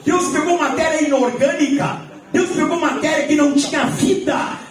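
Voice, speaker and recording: High-voiced preacher in an echoing hall. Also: male voice, moderate pace, faint music behind. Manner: animated preaching with shouted peaks and humor. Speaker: pastor. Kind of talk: sermon. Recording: very echoey hall, mic at a distance.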